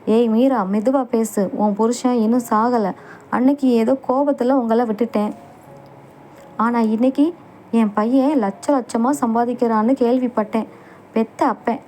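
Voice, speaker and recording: A sneering, drunken father of about fifty in a spoken storybook, as a woman narrator puts him on. Mellow, fairly high tone, near the reader's own voice. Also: steady tone, a little slow, a little hiss or hum, lightly acted. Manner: sneering, taunting.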